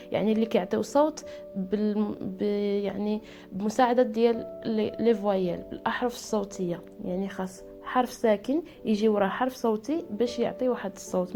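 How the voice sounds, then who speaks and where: A woman with a Moroccan Arabic accent giving a patient language lesson, repeating each word slowly. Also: medium pitch, dark tone. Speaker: French teacher.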